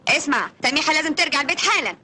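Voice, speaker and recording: A woman's voice: sits high, animated, racing, pushed and bright, full character voice. An actress playing an indignant young woman who angrily scolds a man on the phone, in a classic film. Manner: angry, demanding, scolding. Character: indignant young woman defending her sister. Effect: phone call. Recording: noisy old film soundtrack.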